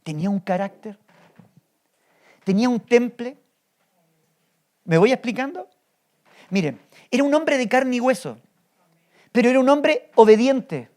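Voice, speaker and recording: A man's voice: extremely high pitch, animated, unhurried, pauses often, darkish tone. A male pastor preaching a sermon, telling a story with energy and often asking the congregation rhetorical questions. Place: church.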